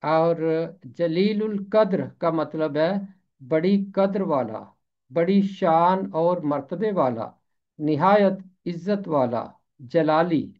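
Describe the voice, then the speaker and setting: A man teaching Urdu pronunciation, repeating each word slowly and carefully and explaining what it means. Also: on the high side. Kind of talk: slow deliberate Urdu pronunciation lesson. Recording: dull lo-fi recording.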